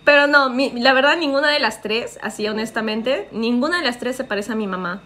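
A woman's voice: a little high, fairly quick, bright, forceful tone, a little hiss or hum. A young woman with a Peruvian accent chatting on a livestream, reading out comments and joking. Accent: Peruvian Spanish. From Peru. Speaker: streamer.

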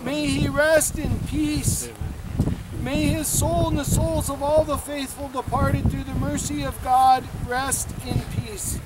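A middle-aged man leads a solemn graveside service as priest, reading prayers aloud in a measured, formal liturgical way. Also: very high voice, level tone, a crowd in the background. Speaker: priest leading a graveside committal. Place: outdoors in a snowy open cemetery. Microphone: far camera microphone. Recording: distant camera mic, loud wind noise. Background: loud wind noise.

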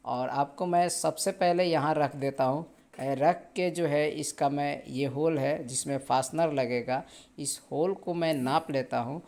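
A man's voice: on the high side, measured pace, a little mellow. A young man, a plumber, explaining step by step how to fit a water heater while he works in a bare indoor room, recorded on a camera-phone mic. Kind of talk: how-to tutorial narration.

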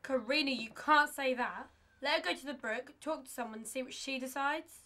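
Brief: young woman as a sassy seventeen-year-old girl, matter-of-fact, high voice. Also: moderate pace, pushed and bright.

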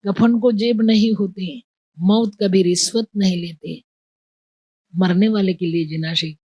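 A woman voicing a mysterious unseen voice that speaks slowly, gravely and commandingly. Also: medium pitch, steady tone, dark tone, no room sound, voice pushed down. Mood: solemn. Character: mysterious unseen voice, solemn and stern.

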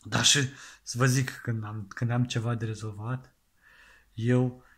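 A man doing a comic monologue as a penny-pincher, talking earnestly in halting, rambling sentences full of restarts. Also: mid-range voice, little pitch movement, a bit bright. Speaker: comedian playing an extreme penny-pincher. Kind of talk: comedic monologue sketch.

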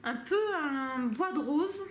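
A woman's voice: high voice, expressive, slow pace, a little hiss or hum. A woman beauty vlogger casually reviewing her favourite products, talking with many fillers and restarts. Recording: echoey room with faint ambience.

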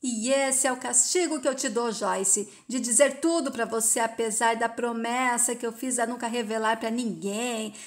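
Woman reading as a harsh older lady scolding somebody, kinda high voice, preachy. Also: steady tone, moderate pace, few pauses, natural voice. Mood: stern. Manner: harsh, lecturing. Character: stern mature woman, scolding and unforgiving.

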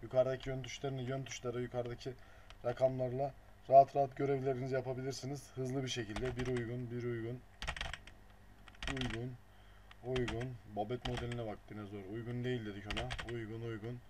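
A man's voice: medium pitch, level tone, brisk. A man giving a casual screen-recording tutorial, muttering along as he clicks and dropping blunt offhand jokes. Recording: noisy home recording with keyboard clicks. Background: keyboard and mouse clicks.

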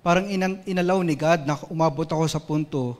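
A Filipino man delivers a heartfelt sermon, moving from gentle reflection to passionate emphasis as he shares his own story. His voice sits a little high for a man. The sound rings with the long reverb of a church hall. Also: a little fast. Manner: earnest, personal storytelling, rising to emotional intensity. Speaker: preacher. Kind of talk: sermon mixing Tagalog and English.

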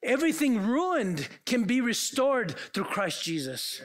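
A man's voice: extremely high pitch, big pitch swings, measured pace. A man preaching a sermon as pastor, earnest and full of rhetorical questions put to the congregation. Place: church.

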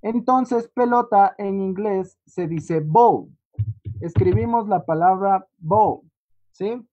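A teacher leads an online class at an unhurried pace, pausing to check in with a questioning "¿sí?". The voice comes through a computer mic on muffled, lo-fi audio. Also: medium pitch, dark tone. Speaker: English teacher.

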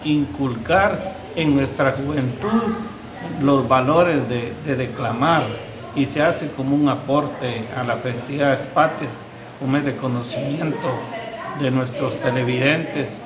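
A man in his fifties with a Guatemalan accent, answering a news interview in a halting, deliberate way. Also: medium pitch, crowd noise. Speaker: interviewee, event organiser. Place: indoors, small room against plain wall. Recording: roomy echo, people in background.

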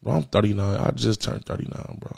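A man in his thirties makes a prank phone call in street slang, insistent, repetitive and streetwise, sitting close to a podcast mic on a stand and wearing headphones in an indoor streaming studio with a backdrop. His voice is fairly low, fast and gravelly, a little mellow and slightly rough, and the recording is dry.

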